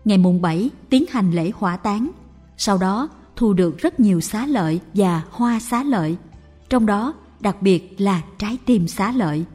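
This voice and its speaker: Woman narrator, reverent scripted narration, mellow tone, long reverb. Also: medium pitch, animated, unhurried. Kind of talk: scripted narration of a devotional story. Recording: long reverb with faint music.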